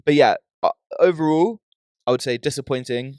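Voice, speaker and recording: A man's voice: medium pitch, moderate pace, a little mellow, clean tone, no room sound, studio quality. A British man hosting a podcast in casual, slangy chat, often tagging his points with "bro" or "yeah". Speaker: podcast host.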